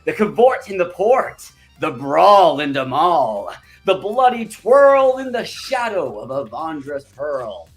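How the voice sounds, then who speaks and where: A man voicing a flamboyant showman ring announcer whose voice is magically amplified to boom over a crowd, shouting rhyming hype. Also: very animated, slow pace, faint music behind, heavily acted. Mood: hyped. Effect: magically amplified booming announcer voice. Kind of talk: tabletop roleplay character voice.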